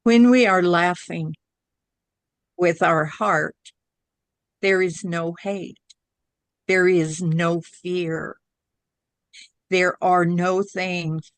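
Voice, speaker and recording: Very slow, solemn old grandmother spirit channeled by a woman. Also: fairly low pitch, no room sound. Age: 60s or older. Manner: slow, measured, solemn pronouncements. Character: channeled ancestor grandmothers, serene benevolent old female spirits.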